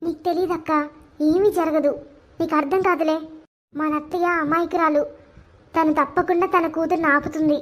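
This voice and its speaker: A woman's voice: very high voice, fairly even intonation, normal speed, long pauses. A woman playing a sly, smug young daughter-in-law. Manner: smug, conspiratorial. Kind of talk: cartoon story voice acting.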